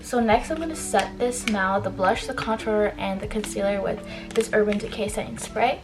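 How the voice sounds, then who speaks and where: This is a get-ready-with-me makeup video where a young woman, medium-pitched and speaking at a normal pace, offers college advice over music. Her tone is informal, with frequent "like" fillers and little asides that fade out.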